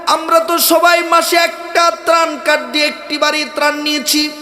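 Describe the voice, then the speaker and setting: A man preaching, voicing townspeople who loudly accuse a young man. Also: very high voice, completely flat delivery, normal speed, voice pushed up, exaggerated voice. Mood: accusing. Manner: shouting, accusing. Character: angry crowd of townspeople, accusing. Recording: echoey hall over loudspeakers.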